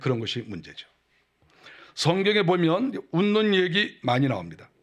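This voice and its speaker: A middle-aged male pastor preaching a sermon in a conversational way, dropping into a lower voice to act out mocking quotes. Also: wildly swooping pitch, moderate pace, highs cut off.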